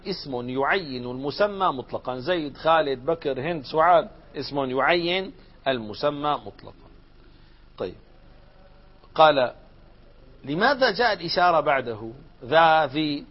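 Male grammar teacher, slightly high voice, quizzing his class in a dull lo-fi lecture recording. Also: expressive, normal speed, long pauses. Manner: asks the class questions and answers them, mixing formal Arabic with colloquial. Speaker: sheikh teaching Arabic grammar.

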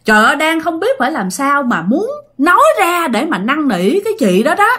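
Southern Vietnamese woman, high voice, lively pitch, chatty dramatic ghost story telling. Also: normal speed. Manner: chatty, dramatic, addresses listeners directly.

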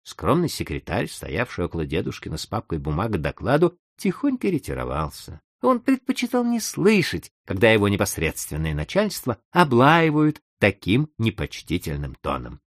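A man reads a classic story aloud in an expressive audiobook style. His pitch moves freely and dramatically. The recording is close and dry. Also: moderate pace, hardly any pauses, dry recording. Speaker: narrator.

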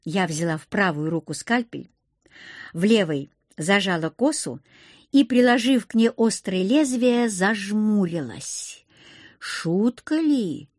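A woman narrating a first-person audiobook with expressive, lively inner monologue. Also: mid-range voice, unhurried, dry recording, clean studio sound. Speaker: audiobook reader.

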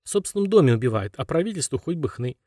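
A man's voice: a little high, sing-song, fast, warm tone, no echo, studio quality, pitched above the performer's own voice. A man reading an audiobook and voicing a bony, talkative old woman neighbor who grumbles in a folksy way. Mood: grumbling. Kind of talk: audiobook character voice.

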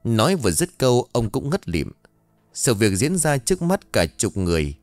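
A man narrating an audiobook in an expressive storytelling way. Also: mid-range voice, moderate pace, no room sound. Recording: faint background music, dry studio.

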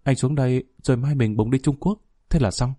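A man voicing a young woman accomplice who talks quickly and excitedly. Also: mid-range voice, husky, no room sound, clean studio sound, lightly acted. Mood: eager.

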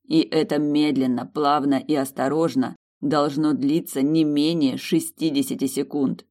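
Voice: mid-range voice, level tone, measured pace, darkish tone, lightly acted. A reader voicing a stern vampire man who gives firm orders and curses under pressure.

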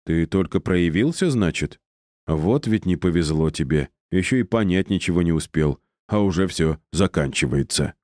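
Male narrator playing a lonely old wizard, low and dark, patronizing and giggly. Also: animated, moderate pace, no echo, clean studio sound. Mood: mocking. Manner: patronizing, mockingly polite.

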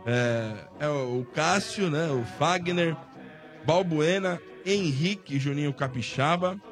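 A man from São co-hosting a sports radio show, reading out team lineups in a relaxed way. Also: on the high side, takes it slowly, faint music behind. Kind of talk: casual sports radio chat.

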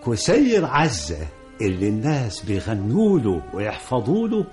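An old-time Egyptian Arabic storyteller in a radio-play style, genial and theatrical. His lowish voice swings expressively through rhymed colloquial phrases, with faint music behind it. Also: wildly swooping pitch, normal speed, a little mellow. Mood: measured, genial. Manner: theatrical, rhyming cadence. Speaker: narrator.

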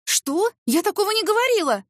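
A woman's voice: expressive, fairly quick, a little mellow, no room sound, clean studio sound. Woman acting a flustered young secretary. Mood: agitated, pleading. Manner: shrill, pleading, exclaiming.

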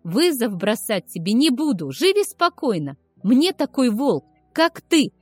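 A woman's voice: medium pitch, very animated, normal speed, darkish tone, no echo, faint music behind. Woman playing a furious young werewolf woman. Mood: bitter. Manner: fierce, biting, growled retorts.

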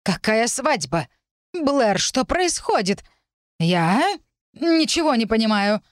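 A woman reading an audiobook, voicing an older noblewoman who wails hysterically in a drawn-out way. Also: on the high side, sing-song, dry recording, studio quality, pitched above the performer's own voice. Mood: bewildered. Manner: wailing, drawn-out. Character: hysterical aging countess mother, shrill.

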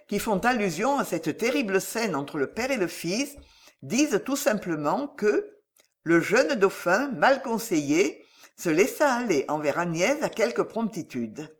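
A narrator reads a historical tale aloud in a dramatic, expressive manner. The pitch swings widely while it stays at a middle height. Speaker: audiobook narrator.

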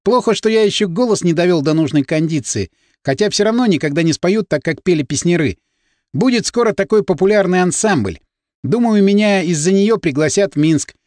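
Brief: male narrator, fairly high voice, very lively intonation, dry close sound. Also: fairly quick, no room sound. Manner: expressive, storytelling. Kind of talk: audiobook narration.

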